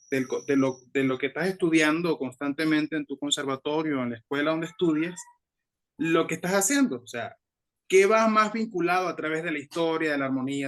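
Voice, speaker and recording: A man with a Mexican Spanish accent, a musician answering interview questions in a relaxed, thoughtful way, with frequent restarts and tag questions. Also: fairly high pitch. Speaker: guest musician.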